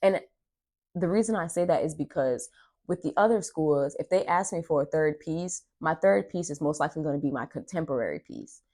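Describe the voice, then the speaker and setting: A woman's voice: low-pitched, a little fast, darkish tone. A young woman vlogger telling a story casually, chatty, and replaying conversations as she goes. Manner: chatty, retells dialogue with "I was like".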